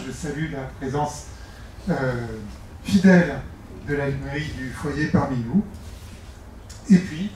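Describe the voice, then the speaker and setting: A man's voice: a little high, darkish tone, far from the mic, slight background noise. A man giving formal, hesitant opening remarks at an event before handing over the floor. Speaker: event organizer. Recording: echoey room, from afar, faint ambience.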